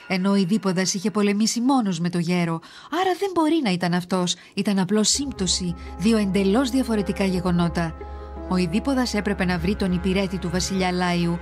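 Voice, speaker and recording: A woman narrates an ancient myth for a children's series in a steady, measured storytelling voice. Her pitch sits in the middle range, and soft music plays quietly behind her.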